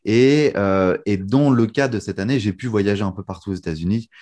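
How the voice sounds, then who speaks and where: A man's voice: on the low side, normal speed. Young French man chatting easily. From France. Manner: relaxed, many fillers and restarts. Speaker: guest magician. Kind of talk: casual interview chat.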